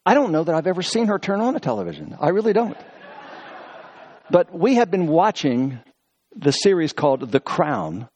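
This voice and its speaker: A man preaching a sermon, telling stories and reading scripture, moving between quick asides and slow, emphatic phrases. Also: fairly high pitch, darkish tone. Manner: reads scripture aloud within the talk. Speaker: pastor.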